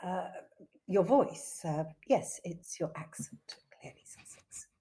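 A woman plays a gentlewoman in a period drama, with a low, husky voice. She speaks formally and holds her ground with composed defiance. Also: moderate pace. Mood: guarded. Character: composed, defiant widowed gentlewoman under questioning.

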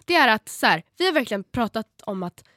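A young woman in a casual chat as a podcast co-host, earnest and talking in quick bursts. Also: a little high, animated, sharp tone, no room sound, clean studio sound.

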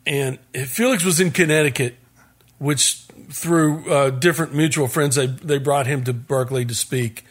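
A middle-aged man with a fairly high speaking voice, telling stories in a loose, chatty interview. He laughs often and restarts his sentences as he remembers things. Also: normal speed. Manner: relaxed, laughing, trailing restarts. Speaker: guest musician. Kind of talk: casual interview storytelling.

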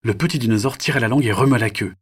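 A man narrating a children's story, expressive and dramatic, sometimes dropping to a whisper. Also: medium pitch, very fast, husky.

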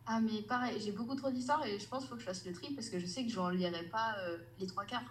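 A woman's voice: medium pitch, fast talker, a little hiss or hum, rough recording. A woman author as a podcast guest, rambling casually and often stopping to search for names.

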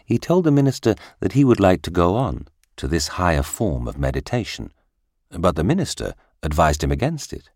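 A male narrator reads tales in a measured, deliberate way. His voice is strikingly deep and husky, with a lively rise and fall. The recording is dry and close. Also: no room sound. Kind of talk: audiobook story reading.

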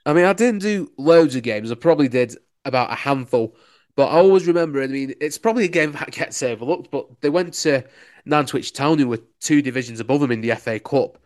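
With lively intonation and a slightly quick delivery, a young Lancashire man speaks in a medium-pitched, somewhat mellow voice. He's a local radio sports reporter answering interview questions casually and enthusiastically, leaning heavily on "you know."

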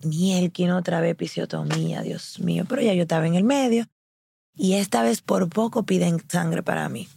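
Woman, gravelly voice, lively storytelling, dry close sound. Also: fairly low pitch, normal speed, no echo. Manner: lively, acts out what others said. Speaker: guest. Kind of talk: casual storytelling.

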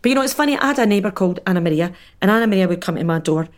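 Animated Scottish woman telling stories. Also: mid-range voice, rapid-fire. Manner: animated anecdotal storyteller. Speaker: drama and storytelling practitioner. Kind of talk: casual conversation.

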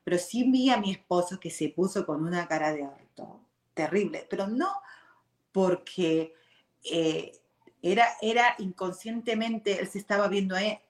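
A woman's voice: mid-range voice, moderate pace. A woman in her forties with an Argentine Spanish accent, hosting a casual personal talk, often checking in with "ok?" and mixing in English words. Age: 40s. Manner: expressive, tags sentences with "¿ok?", drops in English words. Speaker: show host. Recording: roomy echo.

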